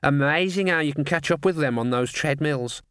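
A man voicing a chatty, excitable male raven that squawks and gossips in a storybook reading. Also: a little high, normal speed, smooth, no room sound, studio quality, natural voice. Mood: gossipy.

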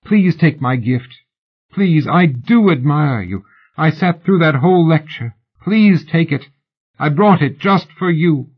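On a dull lo-fi recording, a man reads an audiobook, voicing a pushy, excitable exiled woman who gushes and pleads with overfamiliarity. His voice is pushed up to a fairly high pitch, breathy-edged, at a measured pace, in a pleading mood.

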